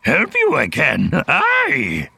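Yoda, croaky hammy little swamp sage. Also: male voice, mid-range voice, wildly swooping pitch, extremely slow, pushed and bright, no echo, full character voice. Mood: sly, musing. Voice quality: croaky, raspy. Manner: hammy theatrical, inverted archaic phrasing. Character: impish little old swamp creature sage, mischievous.

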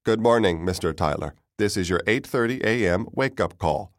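A man voicing a polite computerized hotel wake-up call in a slow, measured way. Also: fairly low pitch, lively intonation, dry recording, clean studio sound, close to an everyday voice.

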